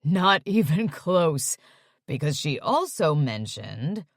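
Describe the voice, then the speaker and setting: A woman voicing a playful young man who teases his friend in a sing-song, drawn-out way. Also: sits low, very animated, no room sound, studio quality, exaggerated voice. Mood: teasing.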